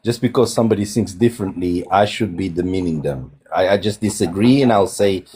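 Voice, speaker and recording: A man's voice: sits low, brisk, mellow, slight background noise. A man hosting a panel, speaking earnestly, stammering and repeating his points. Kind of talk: panel discussion.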